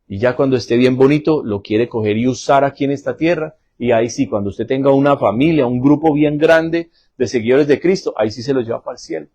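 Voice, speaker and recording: A middle-aged man, preaching a sermon as pastor, swinging from loud rises to soft, low asides. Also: a little fast, hardly any pauses, muffled recording.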